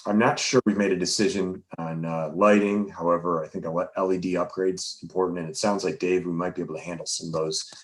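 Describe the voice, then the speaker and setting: A man's voice: low-pitched, level tone, fast talker, hardly any pauses. A man on a planning commission, speaking remotely over a call, friendly and rambling with many uhs. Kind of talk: public meeting discussion. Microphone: remote call connection.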